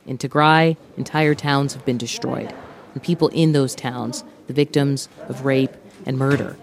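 A woman hosting a news podcast, narrating scripted reports in a grave, measured storytelling manner. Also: rumbling low, steady tone, vocal fry. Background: music bed.

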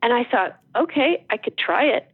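Middle-aged jersey woman chatting on a tinny phone line, kinda high voice, lots of restarts. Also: breathy edge, no echo. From New Jersey, USA. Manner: animated storyteller, quick restarts. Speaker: author guest. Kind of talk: casual interview chat.

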